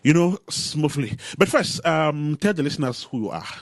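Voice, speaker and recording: A man hosting a radio interview show from a studio. He speaks in a measured way, pausing often with "uh" and "um". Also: fairly high pitch, expressive, creaky, dry recording. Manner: measured, with frequent "uh" and "um" pauses.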